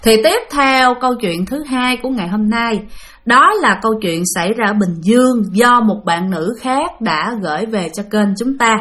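A woman's voice: fairly high pitch, expressive, moderate pace, a bit bright. Chatty Southern Vietnamese woman telling ghost stories. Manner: chatty, addresses listeners often. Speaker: ghost story channel host. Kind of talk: spoken ghost story narration.

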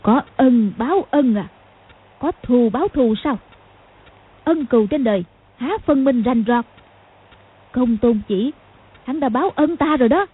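Woman voicing a domineering old matriarch, scornful, threatening, raised husky voice, tinny lo-fi sound. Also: high voice, lively intonation, measured pace, long pauses, full character voice. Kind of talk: audiobook reading.

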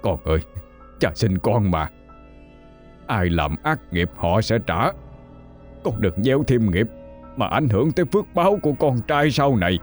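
A male narrator doing a grief-stricken older father. His pleas come soft and trembling, the pitch lurching widely as he weeps. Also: lightly acted. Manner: tearful, trembling pleading. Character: heartbroken older father, sobbing and pleading.

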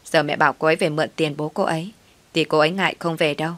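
A woman's voice: sits low, fairly even intonation, fast talker, a bit bright, dry recording. A woman voicing a sulky, self-serving young husband who talks curtly. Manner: curt and dismissive.

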